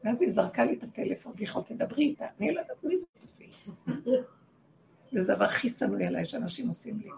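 A woman, a rebbetzin, telling a story in a casual, animated way and acting out the shouted quotes. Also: fairly high pitch, vocal fry. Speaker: rebbetzin leading a women's gathering. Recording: muffled lo-fi home recording, faint hiss.

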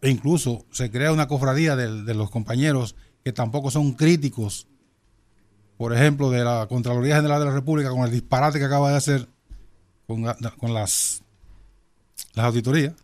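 Male panelist, Caribbean Spanish accent, mid-pitched, halting delivery with repeated words while arguing a point. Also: darkish tone. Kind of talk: panel discussion on current affairs.

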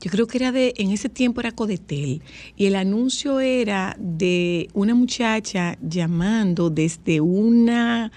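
A woman's voice: medium pitch, measured pace, darkish tone. A woman, hosting a casual interview with chatty, encouraging questions and frequent backchannels. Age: 60s. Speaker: host and therapist.

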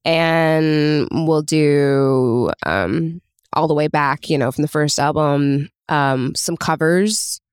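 A woman's voice: low-pitched, slow, smooth, no room sound, clean studio sound. A woman guest chatting casually on a podcast, trailing off and restarting her thoughts. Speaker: musician guest. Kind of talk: casual chat.

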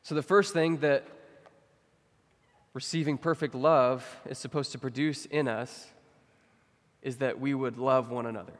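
A young man giving a sermon as a pastor, talking casually with many fillers and getting animated when he tells stories. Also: mid-range voice, unhurried, pauses often. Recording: long hall reverb.

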